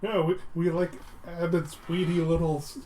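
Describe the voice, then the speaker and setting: A woman's voice: fairly low pitch, level tone, moderate pace, mellow. Female tabletop player, informal table talk, noticeably roomy sound with faint noise. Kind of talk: casual chat.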